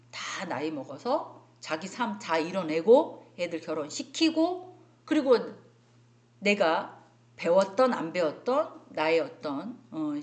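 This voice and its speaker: A woman instructor giving a spelling lecture to adult learners, chatty and animated, often acting out little example scenes. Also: medium pitch. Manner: animated, acts out examples, frequent fillers.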